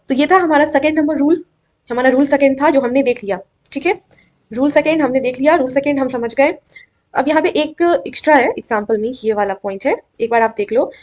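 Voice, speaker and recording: A young woman with a high, darkish-toned voice teaches an exam-prep grammar lesson. She coaxes her students along and keeps checking that they understand.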